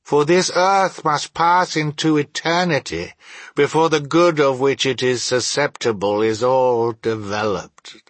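A man voicing an anguished, remorseful male ghost in a theatrical storybook reading, wailing and solemn in a slow, declamatory way. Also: mid-range voice, steady tone, dry recording, pitched above the performer's own voice, natural voice.

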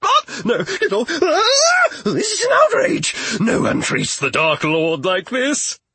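A pompous self-styled dark lord from a storybook reading. He squawks in a very high, shrill register, indignant and huffy, the husky voice close and dry. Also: wildly swooping pitch, slow pace, dry recording, heavily acted. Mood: outraged.

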